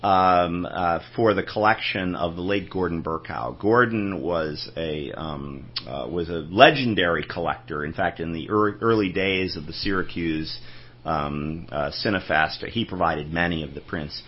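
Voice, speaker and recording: A man's voice: low-pitched, a little slow, lo-fi sound. A man telling anecdotes in a casual interview, rambling and restarting his sentences. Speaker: film collector guest.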